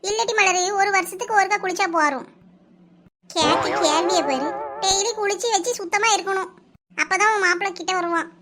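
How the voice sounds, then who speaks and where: Woman cartoon voice artist with a Kanyakumari Tamil accent; very high, bright, fast and bossy. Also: faint music behind. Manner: brisk, bossy village chatter. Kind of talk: cartoon voice acting.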